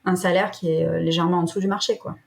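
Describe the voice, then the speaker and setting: Gravelly low woman guest. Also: fairly even intonation, very fast, a little mellow. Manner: hesitant, many fillers. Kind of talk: casual interview conversation.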